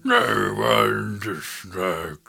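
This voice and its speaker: A man acts out a possessed, demonic hellhound for a tabletop game. It growls its hungry demands slowly, with gravel in the throat and a forceful, sharp edge. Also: on the low side, pitched below the performer's own voice, full character voice. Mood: demanding, hungry.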